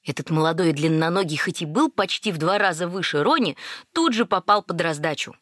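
A woman's voice: fairly low pitch, fairly quick, no echo, clean studio sound. Woman telling a wry first-person story. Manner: lively, wry.

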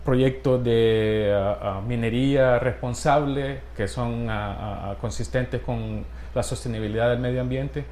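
A man working as an advocacy facilitator, explaining slowly with many hesitant fillers. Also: medium pitch, steady tone, darkish tone, roomy sound, slight background noise. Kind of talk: interview comment.

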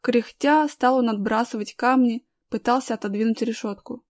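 A woman narrating a children's story chapter in a steady, even audiobook reading. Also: a little high, normal speed, no room sound, studio quality.

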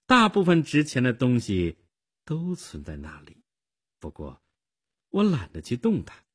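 A man reading the lines of a wealthy, lonely widowed woman in a husky voice, slow and wistful in a radio storybook. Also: medium pitch, huge pitch swings, voice pushed up, exaggerated voice. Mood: weary.

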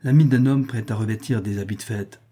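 A man's voice: lowish voice, fairly quick, dark tone, lightly acted. A man reading the part of an anxious noble mother who pleads with her son, his voice lifted a little. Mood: anxious pleading. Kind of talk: audiobook character voice.

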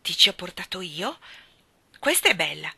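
A woman reading aloud as a proud, sharp-tongued woman, indignant and cutting, pitched high. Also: very animated, moderate pace, creaky, breathy edge, no room sound, full character voice.

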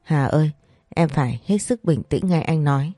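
Woman voicing calm grieving elder brother. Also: low voice, moderate pace, no room sound, studio quality. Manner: steady, reassuring, holding back tears. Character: grown man, elder brother-in-law, grieving but calm.

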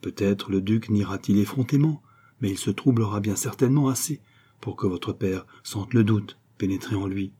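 A cunning young adventurer posing as a nobleman, played by a man reading a novel aloud, coaxing and confiding as he lays out his schemes. His voice sits low, with a dark, mellow warmth and a husky edge. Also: moderate pace. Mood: scheming. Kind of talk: audiobook character reading.

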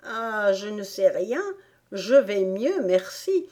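A woman's voice: mid-range voice, lively intonation, slow, darkish tone. A woman reading an audiobook and voicing a small, shaken lizard with a thin, reedy little voice. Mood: flustered.

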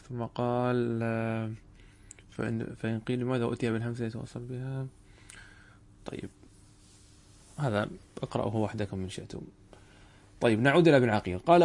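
A man teaching a grammar lesson in a measured way. He repeats key points and often stops to check that his listeners understand. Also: medium pitch, a little mellow. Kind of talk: classroom lesson explaining a text.

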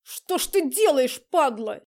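Woman reading angry jealous guy, yells rough, storybook. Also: a little high, fairly even intonation, normal speed, natural voice. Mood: furious. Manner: shouting, coarse.

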